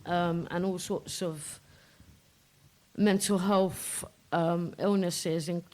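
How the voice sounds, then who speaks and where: A woman's voice: lowish voice, fairly even intonation, takes it slowly, darkish tone, rough recording. Blunt, outspoken woman poet speaking live. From Kashmir. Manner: blunt and outspoken, swears freely. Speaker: poet and podcast guest. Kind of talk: candid live stage chat. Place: live festival event before an audience.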